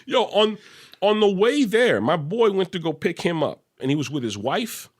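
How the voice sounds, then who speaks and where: A man's voice: sits high, sing-song, moderate pace. A man co-hosting a casual chat show, telling loose, profane stories and laughing along the way. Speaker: podcast co-host.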